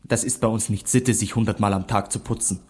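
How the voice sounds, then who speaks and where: A man's voice: lowish voice, steady tone, a little fast, over music, lightly acted. A man voicing an easygoing male dog in a storybook, grumbling plainly.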